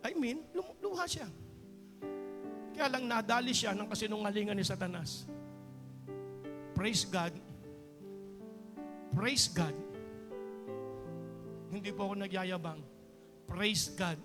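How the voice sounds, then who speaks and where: A man preaching a sermon as pastor, joking with the congregation and calling for applause, moving between quiet talk and shouted praise. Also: sits high, slow pace, long pauses, music in the background. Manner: jokes with the congregation and calls for applause. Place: church hall. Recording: church hall with long reverb.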